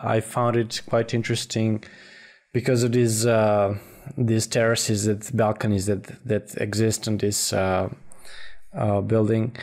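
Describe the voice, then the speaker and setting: A man narrating an informal software tutorial as instructor, speaking haltingly and often repeating words. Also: on the low side. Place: voice-over for a screen recording.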